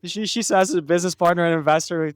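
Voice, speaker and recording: A man hosting a casual podcast, speaking in a brisk, blunt way. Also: high voice, crowd noise. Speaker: podcast host.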